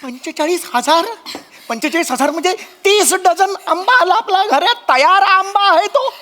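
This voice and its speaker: A man's voice: very high-pitched, animated, moderate pace, bright, forceful tone, slight background noise, exaggerated voice. An actor playing an exasperated husband who scolds his wife in a comic stage sketch. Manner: ranting, scolding, comic outrage.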